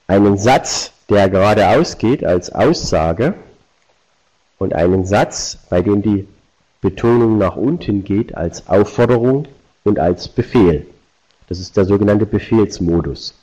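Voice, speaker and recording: A man's voice: on the low side, expressive, measured pace, mellow, husky, low-quality recording. A man presenting a live online seminar, explaining points directly to his viewers. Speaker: webinar presenter.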